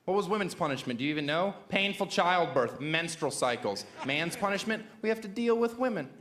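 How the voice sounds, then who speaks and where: A man doing stand-up on a club stage, sardonic and deadpan, his voice a little high and swinging widely in pitch. The room is echoey and a loud audience laughs around him. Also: a little fast. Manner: sardonic, deadpan asides with shrill mock voices. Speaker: stand-up comedian. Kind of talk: stand-up comedy set.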